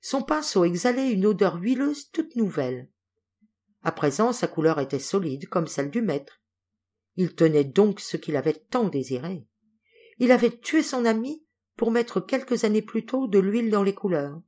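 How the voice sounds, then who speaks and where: A woman reading a classic novel aloud as an audiobook narrator, with a measured, expressive delivery. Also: medium pitch. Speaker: audiobook reader.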